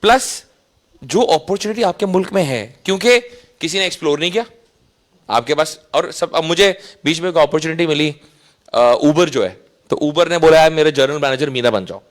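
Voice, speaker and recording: A man's voice: on the high side, animated, normal speed. Pakistani man telling stories casually. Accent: Pakistani Urdu. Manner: casual, anecdotal, asks 'right?' often. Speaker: invited speaker. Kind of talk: talk to students.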